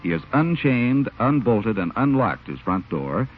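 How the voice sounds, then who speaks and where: Over faint music, a man reads scripted announcements on a 1940s radio broadcast, using a polished, emphatic salesman's delivery. His medium-pitched voice is sing-song and unhurried, and the recording sounds tinny and narrow-band.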